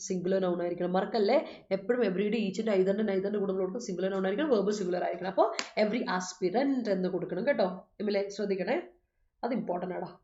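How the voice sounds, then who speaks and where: A woman's voice: medium pitch, quick pace, warm tone. Woman English teacher, patient and explanatory, reads and corrects learners' sentences; roomy, slightly muffled recording. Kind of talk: online vocabulary lesson. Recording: roomy, slightly dull audio.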